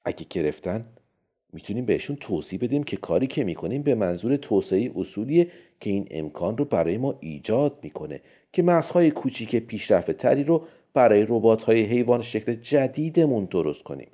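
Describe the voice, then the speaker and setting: A man voicing a calm, friendly male robotics expert who patiently reasons his case, in a storybook reading. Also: lowish voice. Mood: calm persuading. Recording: dull lo-fi recording.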